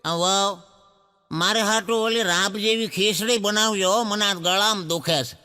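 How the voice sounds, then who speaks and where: A male comedian voicing a sharp-tongued old mother-in-law who scolds and bosses people. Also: high-pitched, unhurried, clear, resonant tone, big-room sound. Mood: complaining. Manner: scolding, bossy old village woman.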